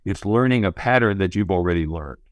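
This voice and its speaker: Male expert guest, low voice, thoughtful conversational explainer, dry sound. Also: lively intonation, brisk, no echo. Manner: thoughtful, explanatory, often says you know.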